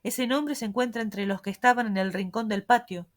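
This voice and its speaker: A woman reading the lines of a bold young male reporter, calm, unhurried and sure of himself. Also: medium pitch, natural voice. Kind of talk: audiobook reading.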